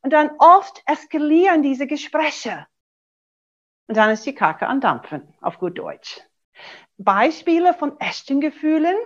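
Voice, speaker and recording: A middle-aged American woman, a native English speaker, coaching a webinar in German in an animated way and acting out short sample dialogues, on dull lo-fi webinar audio. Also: high-pitched, a little slow. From USA. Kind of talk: webinar teaching.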